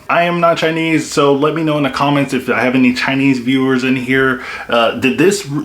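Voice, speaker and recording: With a fairly bright, mid-range voice, this young man gives an enthusiastic, laid-back movie review peppered with "like" and "you know" fillers, recorded in a room with noticeable echo.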